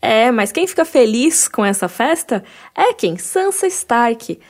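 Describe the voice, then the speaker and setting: Mulher brasileira animada de voz aguda. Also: female voice, on the high side, sing-song, slow pace. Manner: enthusiastic, explains at length with many "né" and "tipo". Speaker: podcast co-host. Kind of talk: casual chat about a book.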